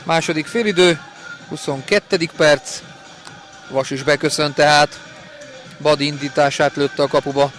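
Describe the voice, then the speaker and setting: Excited man calling football, higher voice. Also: pauses often, soft background music. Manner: excited, builds to shouted goal calls, partisan for the home team. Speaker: football match commentator. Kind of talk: excited live sports commentary.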